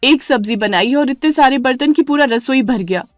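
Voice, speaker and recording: Grumbly young daughter-in-law, a woman doing it, bit high, dry close sound, storybook. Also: normal speed, no room sound, natural voice. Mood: sulky. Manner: grumbling, sulky. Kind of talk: dramatized storybook narration.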